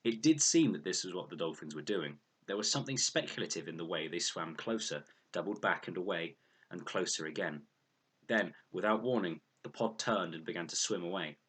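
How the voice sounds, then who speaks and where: An audiobook reader brings a storybook adventure to life with expressive narration. His low voice is husky yet bright and forceful.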